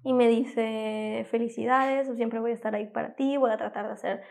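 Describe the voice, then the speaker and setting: High-voiced young woman telling her story. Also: fairly even intonation, vocal fry, darkish tone. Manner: fast storytelling, acting out quoted exchanges. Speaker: interview guest. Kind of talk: personal testimony.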